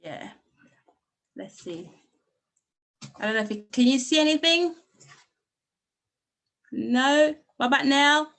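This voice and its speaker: Raised in Congo with Lingala as her first language, and with ties to Congo and Angola, a woman tells her own story to a group over a video call. Her high voice has lively intonation, but she speaks slowly with long pauses. She is warm and rambling, with many restarts.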